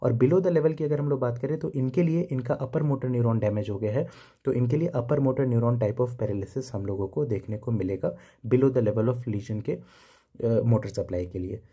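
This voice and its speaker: Mellow-voiced man lecturing. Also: medium pitch, normal speed, slightly rough. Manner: explains step by step, repeating key terms, mixing English medical terms into Hindi. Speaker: physiology teacher. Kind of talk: recorded video lecture.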